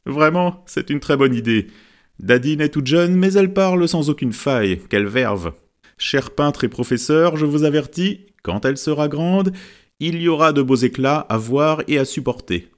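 A man's voice: on the high side, lively intonation, moderate pace, voice pushed up, natural voice. A man reading the lines of a cheerful adult man praising a child's wit, in an audiobook. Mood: amused.

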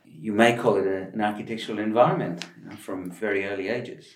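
A man's voice: on the low side, steady tone, fast, slight background noise. Man from Argentina, architect guest, reflective with restarts; echoey room sound. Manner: thoughtful, many fillers and restarts. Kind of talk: conversational interview.

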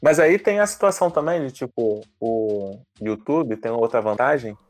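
A man's voice: medium pitch, animated, moderate pace, no echo, soft background music. A man co-hosting a casual podcast, laid-back, explaining things at length. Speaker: podcast co-host.

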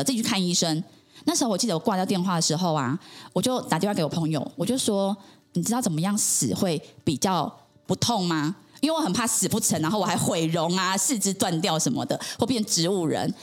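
A woman, a podcast guest earnestly telling her personal story in conversation, with frequent affirming interjections. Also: lowish voice.

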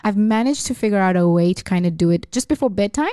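A woman hosting a podcast in casual chat, talking in a chatty, animated way and laughing often. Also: mid-range voice, fast, smooth, dry recording, studio quality. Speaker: podcast host.

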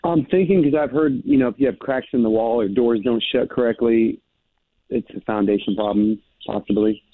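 A man's voice: mid-range voice, moderate pace, dry recording. A polite male caller talks to the host over the phone, agreeing easily and answering with yes sir. The line is thin and tinny, and his voice sounds close and dry. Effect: heard over the phone. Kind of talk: call-in chat with a radio host.

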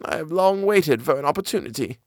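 Man putting on a soft slow old lady voice, high and hushed, dry sound. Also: animated, no room sound. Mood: hushed urgent. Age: older. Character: very old kindly woman, hushed.

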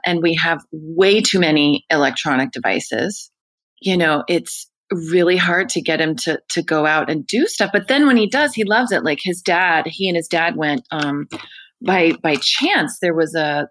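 A middle-aged woman hosting a casual interview, chatting in an animated, gushing way. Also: deep voice, dry recording. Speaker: podcast host.

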